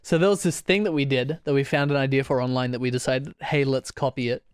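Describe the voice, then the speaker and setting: A man's voice: mid-range voice, fairly even intonation, fast talker, clean tone, dry recording, clean studio sound. A young man co-hosting a podcast, telling stories in a rambling way, laughing often and acting out quoted voices. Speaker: podcast co-host. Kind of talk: casual chat.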